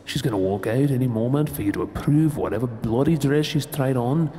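A man's voice: medium pitch, brisk, mellow, slight background noise, close to an everyday voice. A man playing a reluctant young boyfriend in an audio role-play, grumbling in a wry, exasperated way.

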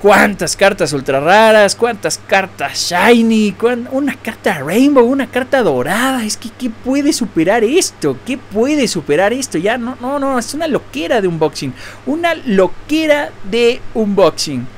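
High-voiced excitable man opening cards. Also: measured pace, a little hiss or hum. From Mexico. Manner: excitable, exclaims and laughs at rare pulls, repeats phrases. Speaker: card-opening channel host. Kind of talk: excited unboxing commentary.

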